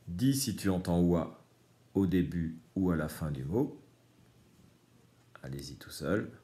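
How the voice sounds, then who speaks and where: A man's voice: deep voice, lively intonation, takes it slowly, mellow. A man teaching a reading lesson to young children, patiently explaining each word. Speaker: primary school teacher.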